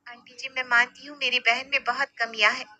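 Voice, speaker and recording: Brief: woman voicing a feisty cartoon sister, high and earnest. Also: flat delivery, a little fast, sharp tone. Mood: indignant. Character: outspoken young woman, protective sister.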